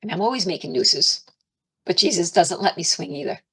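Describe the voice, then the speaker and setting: A woman giving an informal, chatty sermon, animated, laughing often and raising her voice to act out her pleas to God. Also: fairly low pitch, brisk, breathy edge. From Italian and Irish heritage. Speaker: spiritual teacher.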